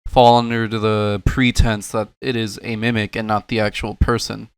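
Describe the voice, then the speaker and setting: A man's voice: lowish voice, little pitch movement, moderate pace, clear, resonant tone, no echo. A young man giving sarcastic, profane reaction commentary on paranormal videos, laughing and mocking as he goes. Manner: mocking, swears a lot, laughs at clips.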